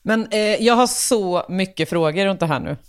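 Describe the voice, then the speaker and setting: A woman with a mid-pitched voice co-hosts a relaxed podcast conversation. She keeps asking curious follow-up questions and reacts in a chatty, informal way. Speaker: podcast co-host. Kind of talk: casual chat.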